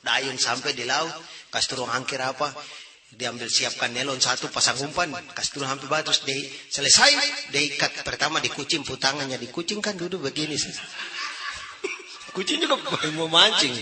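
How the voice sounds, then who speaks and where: A man with a Papuan accent telling funny folk stories, lively and jumping into characters' voices. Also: medium pitch, brisk. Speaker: comedy storyteller. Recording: roomy echo.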